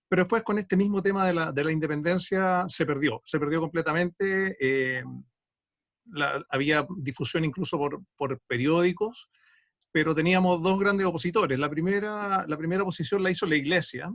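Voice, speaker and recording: A man's voice: a little high, a bit bright, no room sound, clean studio sound. A man from Chile with a Chilean accent, speaking as a genealogy researcher in an online question session and giving a detailed, methodical account with frequent fillers. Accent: Chilean Spanish. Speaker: audience member, genealogy researcher. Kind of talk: online Q&A comment.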